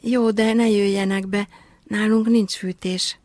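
A shy, shivering little girl, as a woman reads her in a storybook, speaking softly and slowly. Her small voice stays hushed. The sound is dry and close. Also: medium pitch, fairly even intonation, dry recording, close to an everyday voice. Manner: quiet, soft, slow.

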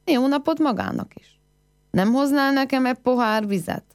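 A woman's voice: high-pitched, animated, clean tone, no echo, clean studio sound, pitched above the performer's own voice. A woman voicing a clever young village girl in a folk tale, with pert, teasing riddle answers.

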